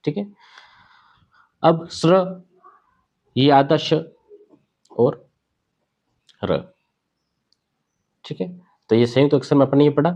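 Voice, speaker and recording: A man's voice: medium pitch, steady tone, brisk, long pauses, mellow. Male teacher, grammar lesson at a board, asks and answers his own questions, repeats key words, slightly muffled lo-fi sound.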